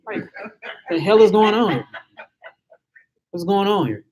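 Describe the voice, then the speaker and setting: Man, lecturer, husky voice, fairly high pitch, emphatic, rhetorical questions. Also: lively intonation, measured pace, a little mellow. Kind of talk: spiritual lecture to a small group.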